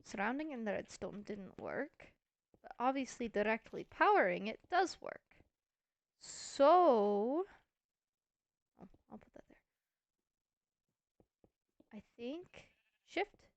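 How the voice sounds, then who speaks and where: A woman's voice: fairly high pitch, very animated, slow, pauses often, dry recording. A woman hosting a casual gameplay video, chatty and thinking aloud with playful self-mockery. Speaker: Minecraft let's-play host.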